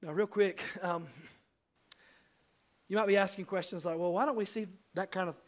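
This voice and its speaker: A male pastor giving an earnest sermon, rising to loud appeals and dropping to hushed asides. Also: high-pitched, fairly even intonation, normal speed.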